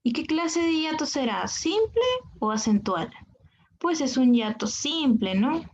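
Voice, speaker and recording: A woman's voice: high voice, big pitch swings, a little slow, darkish tone, a little hiss or hum. A woman teacher with a Peruvian accent explaining a lesson patiently, checking with "¿no?" after each point. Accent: Peruvian Spanish. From Peru. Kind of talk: explaining grammar to students. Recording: dull lo-fi sound.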